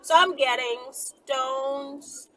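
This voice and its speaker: A woman with a high-sitting voice speaks extremely slowly over music as a video host answering viewer questions. Her casual, chatty monologue is sassy and emphatic, peppered with check-ins like "okay?" and "you know." The recording is noisy, from a distant mic, with vehicle-like ambience.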